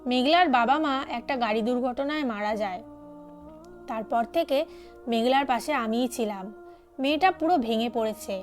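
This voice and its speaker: Woman reading an anxious, loyal young woman in an audio drama; high and pleading. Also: normal speed, faint music behind, lightly acted.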